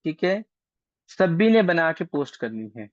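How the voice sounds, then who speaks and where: A man's voice: fairly high pitch, big pitch swings, measured pace, no room sound. A man teaching an online astrology class in a casual, chatty way, coaxing and teasing his students, heard over a video call. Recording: dry, dull lo-fi call audio.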